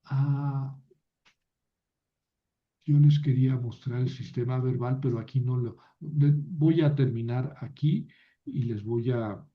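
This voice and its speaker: Male lecturer, mid pitch, slow and patient, methodical with playful asides; muffled lo-fi recording. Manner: slow, patient, with frequent "¿verdad?" checks. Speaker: Biblical Hebrew teacher.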